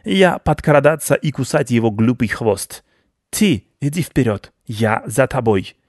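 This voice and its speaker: A man's voice: mid-range voice, animated, measured pace, a little mellow, no room sound, clean studio sound, voice pushed up. A man voicing a pompous, vicious male rat baron who talks in broken grammar, for a storybook reading. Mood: haughty. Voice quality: broken grammar, haughty and blustering.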